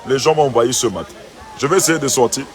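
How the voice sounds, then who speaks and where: Exclaiming pastor outside a church. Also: male voice, medium pitch, fast talker. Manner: exclaiming, repeats himself in disbelief. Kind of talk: phone video to followers, then addressing a crowd. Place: outside a church among a crowd.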